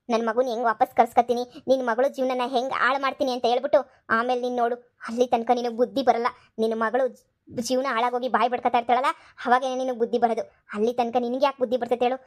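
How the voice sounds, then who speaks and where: A woman voicing a scheming, sharp-tongued middle-aged mother-in-law who scolds and taunts. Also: high-pitched, close to an everyday voice. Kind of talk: cartoon comedy voice acting.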